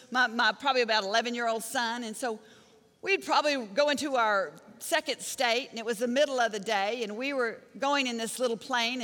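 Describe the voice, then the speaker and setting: A middle-aged woman pastor delivers a sermon in a large church auditorium, where her high, bright voice rings with a long hall reverb. She tells stories and hammers her points home with punchy, repeated phrases.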